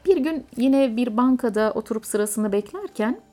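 A woman hosting a radio program, narrating in a measured way with frequent hesitant fillers. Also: fairly high pitch, expressive, dark tone, soft background music.

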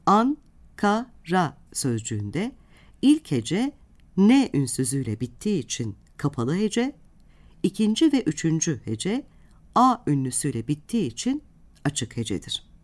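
A woman with a low voice that rises and falls widely gives a scripted radio language lesson. She reads out example words one by one and slows down to spell out syllables. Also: very animated, darkish tone. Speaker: radio host and Turkish language teacher.

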